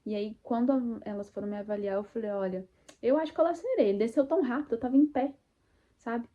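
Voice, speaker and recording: A young Brazilian woman casually and emotionally telling her own birth story to viewers, speaking warmly about her faith and acting out her own cries. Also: a little high, quick pace, muffled recording. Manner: faith-filled, addresses viewers as "gente". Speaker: vlogger sharing birth story.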